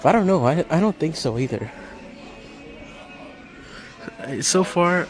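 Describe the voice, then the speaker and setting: Filming as he walks around a big hardware store, this vlogger talks off the cuff over the store's background music. He has a medium-pitched, fairly bright voice.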